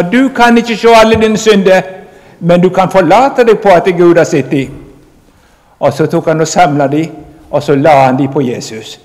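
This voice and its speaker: Earnest preacher. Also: male voice, high-pitched, a little mellow. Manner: earnest, emphatic preaching, addressing the congregation directly. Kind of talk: sermon. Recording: long reverb of a large hall.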